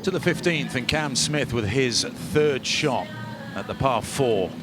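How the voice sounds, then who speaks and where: A man doing dramatic, excitable play-by-play as lead golf commentator. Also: medium pitch, unhurried. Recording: loud music and crowd behind. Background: music and crowd.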